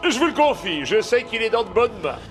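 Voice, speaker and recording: A man's voice: sits high, very animated, a little fast, music in the background. A man voicing a vain, cruel older brother with theatrical smugness in a French cartoon dub. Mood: falsely sweet.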